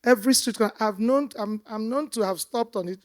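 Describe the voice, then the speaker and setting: A woman's voice: a little high, fairly quick, a little mellow. A woman speaking emphatically in a panel discussion, repeating phrases for stress.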